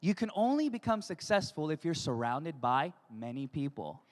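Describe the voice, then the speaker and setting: A woman's voice: low-pitched, sing-song, unhurried, darkish tone. A woman giving a motivational stage talk in short chunks, often checking in with the audience with "yes?". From United States. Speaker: motivational speaker at a business event. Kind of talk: stage speech with consecutive interpretation. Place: large hall stage. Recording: hall with long reverb.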